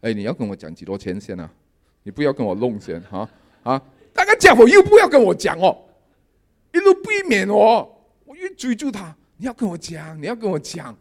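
A man giving a sermon testimony, telling his dreams in a lively storytelling manner with English words mixed in. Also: high-pitched, brisk. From Malaysia. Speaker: lay preacher.

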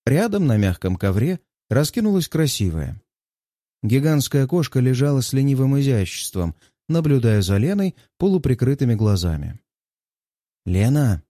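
A man narrating a first-person audiobook in a wry, expressive storytelling manner, recorded close and dry. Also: medium pitch, normal speed, dry recording.

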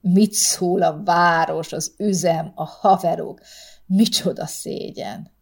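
A woman's voice: fairly low pitch, steady tone, gravelly, darkish tone. Brief: female narrator doing a bitter drunk factory husband, strained, storybook reading. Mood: anguished. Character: gruff drunk working-class husband and father.

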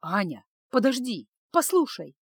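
A woman's voice: on the high side, big pitch swings, a little slow, husky, no echo, clean studio sound, full character voice. A woman voicing a desperate young man who pleads in a strained voice, in a storybook reading. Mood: pleading.

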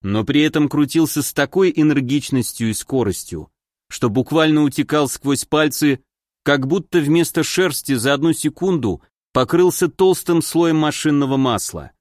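A man reading a first-person audiobook in a steady, expressive storytelling manner. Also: fairly high pitch, normal speed, no echo, studio quality. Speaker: audiobook narrator.

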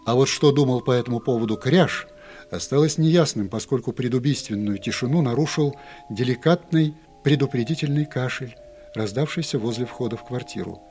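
A man reading an audiobook in a wry, expressive narrating voice. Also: medium pitch, brisk, soft background music. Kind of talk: scripted narration.

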